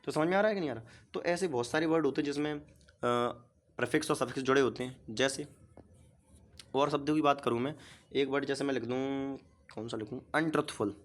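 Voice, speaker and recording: A patient male teacher works through a grammar lesson one piece at a time. He keeps asking quick questions like a quiz and answers each one himself. His voice is of ordinary pitch for a man. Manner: asks questions and repeats the answers; patient, explains step by step.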